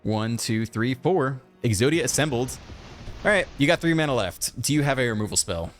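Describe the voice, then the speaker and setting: A man giving casual, chatty commentary over his own card game, thinking aloud and breaking into excited outbursts. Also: medium pitch, moderate pace, soft background music. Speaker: gaming channel host.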